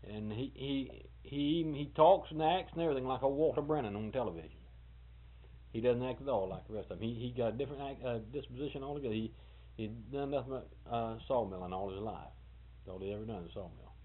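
A man's voice: medium pitch, quick pace, slightly rough. Folksy man in his forties. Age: 40s. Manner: rambling, folksy, self-correcting. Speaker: interviewee. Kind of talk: casual oral history talk. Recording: tinny old tape with hiss.

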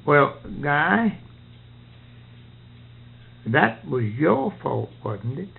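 Creaky older man, tinny recording. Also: a little high, sing-song, extremely slow. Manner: folksy rural speech with nonstandard grammar. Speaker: farmer being interviewed. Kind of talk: casual conversation, recounting farm life. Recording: tinny, narrow phone-like field recording.

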